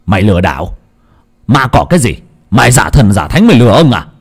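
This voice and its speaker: Male narrator voicing a short-fused middle-aged villager, shouting curses, storybook. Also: on the low side, very animated, fairly quick, husky, heavily acted. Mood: furious. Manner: loud, cursing, furious. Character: hot-tempered middle-aged village man.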